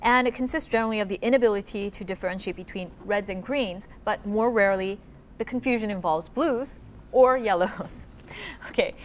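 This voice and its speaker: A woman's voice: medium pitch, a little fast, a little hiss or hum. A woman hosting a quiz show, addressing contestants and explaining answers.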